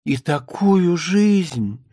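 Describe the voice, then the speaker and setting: A man's voice: high-pitched, animated, very slow, dark tone, no room sound, studio quality, pitched above the performer's own voice, exaggerated voice. A man reading a play aloud, voicing a naive young maid who swoons over a romance novel. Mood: dreamy.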